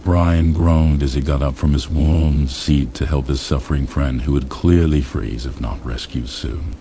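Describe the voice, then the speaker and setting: A man reading a crude comedy story aloud in a deadpan, matter-of-fact way. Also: rumbling low, unhurried, a little hiss or hum. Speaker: audiobook narrator.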